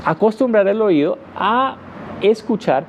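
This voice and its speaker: A man's voice: high voice, expressive, a little slow, a little hiss or hum. A man teaching English in a live question-and-answer session, explaining patiently with frequent "eh" fillers and tapping out rhythms with "ta ta ta". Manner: demonstrates rhythms with "ta ta ta". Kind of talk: live Q&A lesson.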